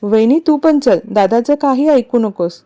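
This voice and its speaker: A woman voicing an excitable young sister who gets huffy with her brother. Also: a little high, a little slow. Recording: dull lo-fi recording.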